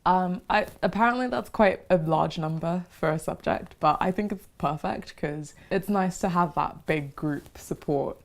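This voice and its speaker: A woman's voice: lowish voice, measured pace, hardly any pauses. A young woman from London, a university student who talks in a bubbly way and often laughs in an interview. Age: young adult. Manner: bubbly, laughs while talking. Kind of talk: casual interview testimony.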